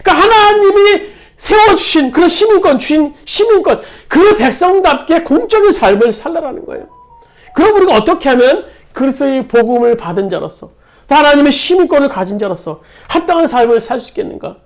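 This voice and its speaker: A pastor preaches a sermon in a church with a high voice that rises and falls a great deal. Key words are driven home by repetition and strong stress. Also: expressive, a little fast. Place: church sanctuary.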